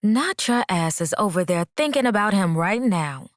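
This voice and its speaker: A woman's voice: medium pitch, animated, normal speed, dry recording, clean studio sound, pitched above the performer's own voice, close to an everyday voice. A woman voicing a nosy young female cousin in an audiobook, with playful, sly teasing. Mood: bawdy.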